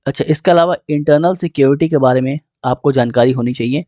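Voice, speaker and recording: A man of middle pitch lecturing exam aspirants at an easy, unhurried pace. He keeps checking in with short tags and mixes English into his speech. The recording is dry and close, with no room sound. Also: mellow, dry recording. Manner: repeats "theek hai" and "right" as he talks. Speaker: exam coaching teacher.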